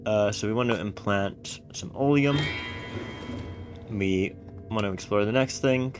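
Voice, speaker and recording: A man with a fairly low voice gives casual commentary on a strategy game, planning out loud. He reads the on-screen text as he goes, with faint music playing behind him. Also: a little slow. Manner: thinking aloud, loosely planning moves. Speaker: let's play streamer.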